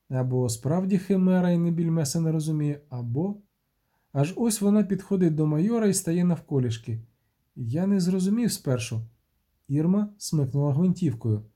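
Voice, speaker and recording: Brief: male audiobook narrator, husky and mellow, slightly higher pitch.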